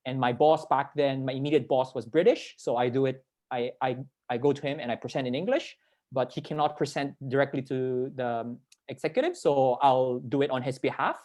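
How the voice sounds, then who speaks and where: Speaking fairly quickly with a medium pitch, fairly even intonation and a slightly mellow tone, a young Filipino man describes his work experience as a video call panelist. His talk is loose and rambling, with words repeated for emphasis.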